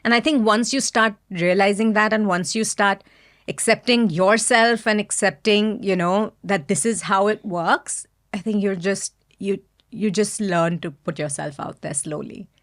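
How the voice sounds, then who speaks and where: A business founder from India, speaking with an Indian accent, joins a reflective podcast interview as a guest. Her medium-pitched voice moves at a measured pace, and she comes across as soft-spoken, open, and thoughtful.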